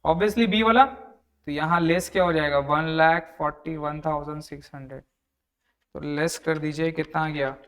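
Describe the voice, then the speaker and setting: A man's voice: a little high, steady tone, measured pace, fairly bright tone. A young male tutor, giving an online lecture that works through a problem step by step, talking conversationally and repeating each figure. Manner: conversational, addresses students as "sir", repeats figures. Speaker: tax tutor.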